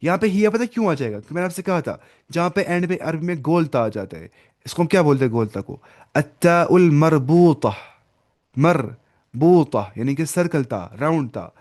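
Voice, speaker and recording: A man with a fairly high voice leads an online language class. He explains each point step by step and slips English words into his teaching. He often stops to quiz his students by name. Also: lively intonation, a little mellow. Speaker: Arabic teacher.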